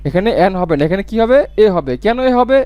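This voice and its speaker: A man giving a spoken English grammar lesson, repeating words and drawing out examples slowly. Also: sits high, lively intonation, darkish tone, clean tone, dry recording, dull audio. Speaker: English tutor.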